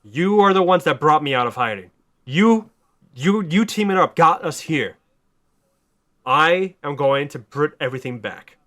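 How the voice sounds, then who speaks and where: A man's voice: fairly high pitch, lively intonation, a little slow, fairly bright tone. A man voicing Superman as a resolute hero, speaking earnestly.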